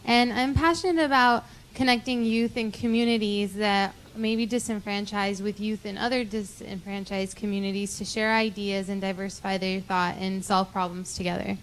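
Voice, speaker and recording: A woman's voice: mid-range voice, little pitch movement, normal speed, few pauses, a little hiss or hum, rough recording. A woman from Los Angeles introducing herself earnestly at a conference. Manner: fluent, earnest. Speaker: conference participant.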